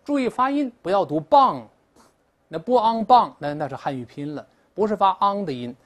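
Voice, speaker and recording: A woman's voice: low-pitched, big pitch swings, quick pace. A woman teaching English vocabulary in Mandarin, drilling pronunciation aloud with lots of repetition. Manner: explains in Mandarin with English examples. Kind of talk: classroom vocabulary lesson.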